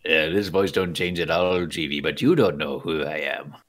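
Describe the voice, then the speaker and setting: A man voicing a masked pirate who talks in a disguised deep voice, gruff and sarcastic. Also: moderate pace, a bit bright. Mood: smug. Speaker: podcast co-host. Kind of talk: casual chat among friends.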